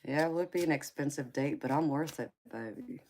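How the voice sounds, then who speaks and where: A low-voiced Southern woman from Georgia, US, speaks with a twang at a fairly quick pace, her tone darkish with a little hiss or hum. Hosting a tarot livestream, she casually reads comments, laughs often and affectionately calls viewers baby and honey.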